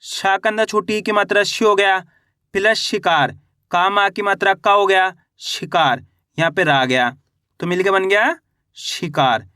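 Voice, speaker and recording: A man with a high, pushed, bright voice that's clear and resonant teaches Hindi reading a little slowly. He sounds out syllables, then the whole word, and asks the viewer questions that he answers himself. The recording is dry and studio-clean.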